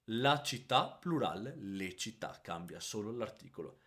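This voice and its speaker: Man, teaching a grammar lesson in Spanish; animated pitch, patient step-by-step delivery, checks in with "ok?". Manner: explains step by step, keeps checking with "¿ok?"; stretches the Italian example words slowly and loudly. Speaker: Italian language teacher.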